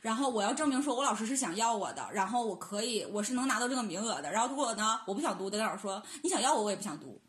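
A woman's voice: fairly high pitch, animated, racing, few pauses. A young adult woman co-hosting a casual podcast chat, rambling and laughing between her points. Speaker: podcast co-host. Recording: roomy echo.

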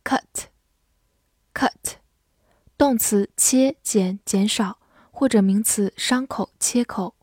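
A woman teaching English vocabulary in a scripted lesson, spelling words out letter by letter and reading example sentences slowly and carefully. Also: mid-range voice, a little mellow, dry recording, studio quality.

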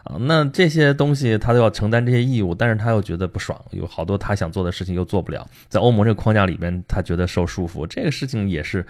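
A man's voice: fairly low pitch, quick pace, few pauses, a little mellow. A man hosting a casual history talk, speaking conversationally and tagging his points with rhetorical questions. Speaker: host.

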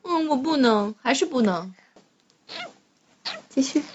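Lively high-voiced woman prompting a child. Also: takes it slowly, husky, muffled recording. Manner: playful, encouraging prompts. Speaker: parent reading with a child. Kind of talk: picture-book reading with a child.

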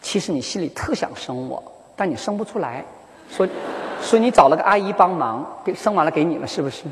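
A woman's voice: fairly low pitch, lively intonation, fast talker, slight background noise, natural voice. A woman voicing her earnest, curious four-year-old son, asking blunt childlike questions. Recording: reverberant hall.

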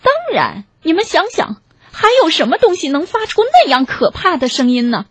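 A woman's voice: high-pitched, big pitch swings, moderate pace, dry recording, pitched above the performer's own voice. A woman voicing a clever, self-satisfied male owl in a children's story, speaking in a proud, knowing way.

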